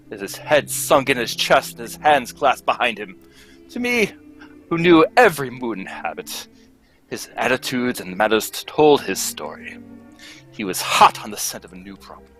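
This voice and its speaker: Doctor Watson, very animated radio-play storyteller acted by an amateur. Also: medium pitch, close to an everyday voice. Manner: animated, exclamatory, genial. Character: Doctor Watson, hearty older English gentleman storyteller. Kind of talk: old-time radio drama acting, read live.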